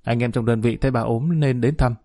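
A man narrating a story audiobook in a measured, even manner. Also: mid-range voice.

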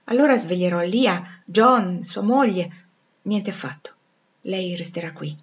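A woman reading the part of a brusque, commanding gentleman in a storybook reading, with curt orders given low and hushed. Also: unhurried, lightly acted. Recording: slightly dull lo-fi recording.

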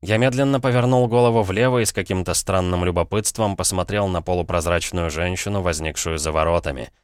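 Deep, smooth male audiobook narrator. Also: brisk, no room sound, clean studio sound. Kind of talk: scripted first-person audiobook narration.

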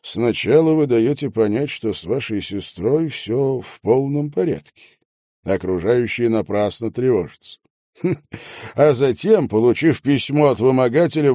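A man voicing a calm, polite and sardonic young male investigator in an audiobook. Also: medium pitch, normal speed, no room sound, clean studio sound, lightly acted. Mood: ironic. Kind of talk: audiobook character voice.

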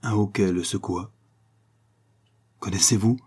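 A man narrating a detective story as an audiobook with steady dramatic reading. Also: fairly low pitch, normal speed, husky.

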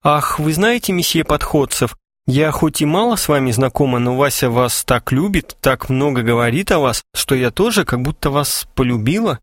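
A man's voice: medium pitch, animated, normal speed, dry recording, clean studio sound, voice pushed up, natural voice. A man voicing a stiff, strict society lady with a mincing, affected politeness, reading an audiobook. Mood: prim. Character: aristocratic older woman, prim, stiff and strict. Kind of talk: audiobook character voice.

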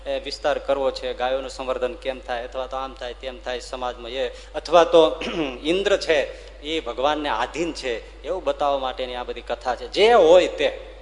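A male swami with a Gujarati accent preaches a lively devotional story, letting his voice leap up for drama and slow down for the verses. His voice sits at an ordinary middle pitch. A long reverb of a large hall trails after every phrase. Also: a little hiss or hum. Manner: lively storyteller, rising loud for drama and slowing to chant verses. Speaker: swami giving a religious discourse.

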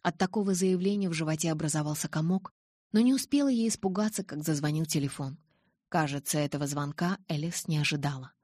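A woman narrates a first-person novel as an audiobook. Her voice is low and slightly husky. The recording is dry and close to the mic. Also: quick pace, a little mellow, no room sound.

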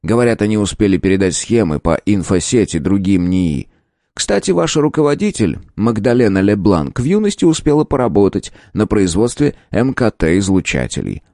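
A man's voice: lowish voice, sing-song, moderate pace, warm tone, no echo, clean studio sound. A man reading an older male professor, an authoritative scientist who speaks emphatically in an audiobook. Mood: musing.

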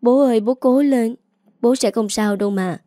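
Woman doing a scared young girl, tearful and pleading, pitched up, dry close sound. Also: normal speed, mellow, dry recording, natural voice. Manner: sobbing, pleading.

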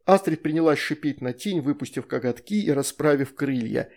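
A man narrating an audiobook in a lively, expressive reading. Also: medium pitch, moderate pace, creaky. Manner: lively, performs all character voices. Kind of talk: scripted narration.

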